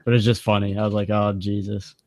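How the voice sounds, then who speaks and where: A man's voice: lowish voice, level tone, brisk, no room sound, clean studio sound. A man co-hosting a casual web show, chatting loosely and joking around. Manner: joking, quotes others in put-on voices. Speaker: co-host. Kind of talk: casual chat.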